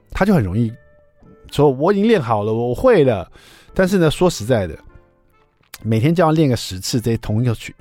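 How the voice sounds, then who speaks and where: A middle-aged man, telling a story on his radio show. He talks quickly and his pitch swings widely as he acts out the back-and-forth. His voice is dry and close to the mic, with faint music underneath. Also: no echo. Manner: chatty, acts out dialogue with lively voices. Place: radio studio.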